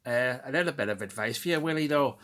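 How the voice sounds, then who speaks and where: A man's voice: mid-range voice, expressive, fast talker, fairly bright tone, voice pushed up, close to an everyday voice. A man putting on a chummy Northern Irish voice. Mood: jokey advice. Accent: Northern Irish, put on. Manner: chummy, advising, teasing.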